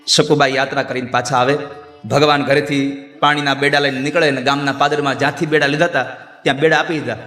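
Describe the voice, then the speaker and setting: A man telling a devotional story as a sermon, animated and acting out the characters' voices. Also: medium pitch, fast, faint music behind. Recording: echoey hall with faint sitar.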